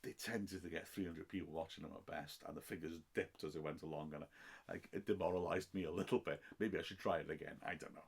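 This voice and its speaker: A middle-aged Welsh man, a football commentator, chats casually through listener questions on a podcast, poking fun at himself with frequent ums and restarts. His voice sits low and gravelly with a breathy edge, and he talks quickly with fairly even intonation.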